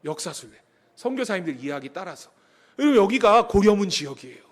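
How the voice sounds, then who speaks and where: High-pitched guy preaching, missionary, jokey storytelling sermon. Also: brisk. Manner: lively, jokes with the congregation, asks questions.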